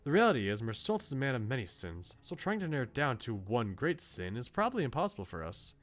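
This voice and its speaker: With a mid-range voice close to how he'd normally talk, a man reads quickly and very animatedly as a visual novel's bookish student, articulate, philosophical and politely opinionated. The mood is reflective and conceding, with music behind him.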